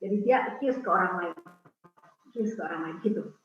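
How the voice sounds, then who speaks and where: A woman's voice: lowish voice, brisk, soft background music. A middle-aged Indonesian woman giving a storytelling talk to a women's prayer group over a video call, acting out the voices of the people she quotes. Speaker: speaker at a prayer community's Zoom talk. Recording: echoey, dull video-call audio.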